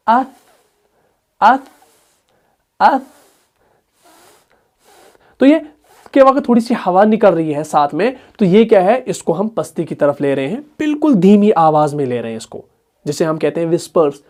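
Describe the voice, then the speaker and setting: A man's voice: high-pitched, lively intonation, normal speed, a little mellow. A man teaching recitation rules in a classroom lesson. He asks questions, answers them himself and repeats sounds to demonstrate. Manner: patient and methodical.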